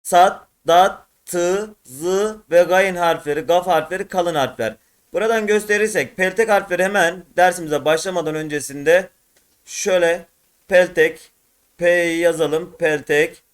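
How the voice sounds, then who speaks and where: A man with a high voice gives a patient online reading lesson. He explains as he draws on the screen, repeats each point and calls out single vowel sounds one after another for the viewers to copy. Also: unhurried, clear, resonant tone. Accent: Turkish. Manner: repetitive, drills single sounds aloud and calls viewers friends. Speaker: Quran reading teacher.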